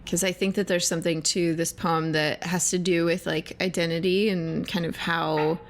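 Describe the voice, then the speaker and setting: A woman hosting a podcast in casual chat, relaxed and quick to laugh, with hedging fillers. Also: lowish voice, a little hiss or hum. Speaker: podcast host.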